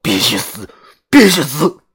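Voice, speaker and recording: A man voicing an enraged male ghost who barks the same angry shout again and again. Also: a little high, very animated, quick pace, breathy edge, pitched above the performer's own voice, full character voice. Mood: furious. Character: furious male ghost who only shouts one phrase.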